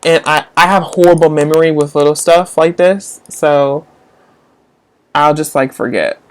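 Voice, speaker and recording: A man's voice: a little high, measured pace, smooth. A young man hosting a casual live stream, chatting with viewers while getting frustrated with his tablet and phone. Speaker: livestream host.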